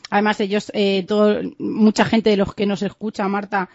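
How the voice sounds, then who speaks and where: A woman hosting a radio interview, asking gentle, leading questions that often end in "right?". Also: mid-range voice, flat delivery, normal speed, no room sound, lo-fi sound. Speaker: radio host.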